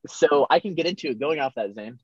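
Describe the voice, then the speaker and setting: A man's voice: fairly high pitch, lively intonation, a little fast, breathy edge, dry recording. A young man from California hosting a casual podcast, recorded inside a small camper van. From California, USA. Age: young adult. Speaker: podcast host. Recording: slightly dull, dry, inside a camper van.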